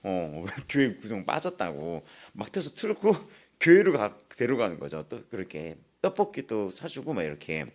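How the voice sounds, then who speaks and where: A man's voice: on the low side, moderate pace, hardly any pauses. A man preaching an early-morning sermon as a pastor, telling personal stories with laughter and acting out the voices of others. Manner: animated storytelling with frequent laughter; acts out quoted voices.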